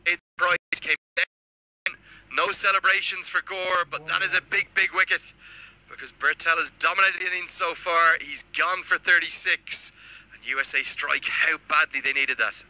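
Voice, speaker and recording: Male cricket commentator with a sharp, bright voice, reads viewer messages between deliveries. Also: a little high, fairly even intonation, normal speed, dry recording, poor audio.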